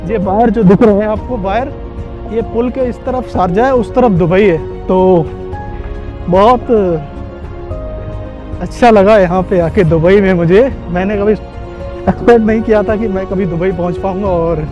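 A young Indian vlogger walks through sunny city streets and past a bus stop, chatting straight to the camera in travel-vlog style. His high, mellow voice comes through muffled from a wireless earbud mic with the phone held at arm's length, and music runs clearly underneath.

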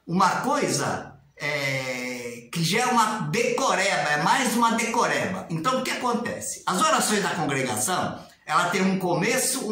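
A religious commentator in his sixties, with a Brazilian Portuguese accent, speaks casually and animatedly to a desk-distance webcam in a small tiled room, so his voice sounds very echoey. It sits high and comes across bright and forceful, and at times he mimics formal prayers in a raised sing-song voice.

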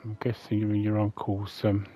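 A man's voice: lowish voice, monotone, normal speed, background noise. A man giving casual let's-play commentary, thinking aloud and muttering to himself as he plays. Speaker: gameplay commentator. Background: faint game music.

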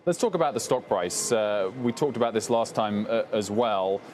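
A man's voice: fairly low pitch, moderate pace, a little mellow, a little hiss or hum. A man anchoring a business news interview, asking long, conversational questions on a lapel mic in a TV studio. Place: TV studio on a trading floor.

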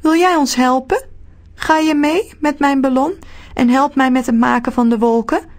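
A woman's voice: sits high, fairly even intonation, normal speed, pitched above the performer's own voice. A woman voicing a small, cheerful man who lives in the clouds and calls out a sing-song greeting. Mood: urgent, pleading.

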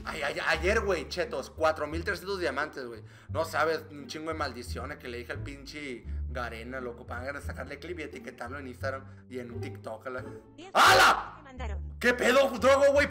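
A young man with a Mexican accent giving slangy, excitable, swearing gaming commentary. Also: high-pitched. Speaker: gaming streamer.

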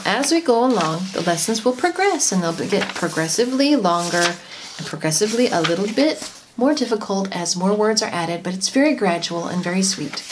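A woman, a homeschooling mother, gently and chattily explaining a lesson in an instructional tutorial. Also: medium pitch. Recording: noisy home recording.

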